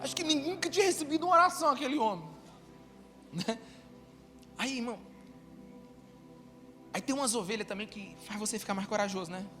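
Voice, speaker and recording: Brief: male pastor, very high voice, lively sermon storyteller, reverberant hall with music underneath. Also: fairly quick, long pauses. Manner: animated storytelling, swinging from loud to hushed. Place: church hall.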